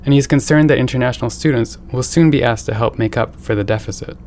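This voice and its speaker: A man reporting and narrating a scripted news feature in a measured, even reading. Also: mid-range voice, a little hiss or hum. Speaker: radio reporter.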